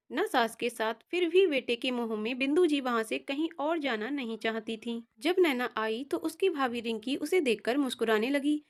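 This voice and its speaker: A woman narrating a scripted family story in a steady, measured reading. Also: sits high.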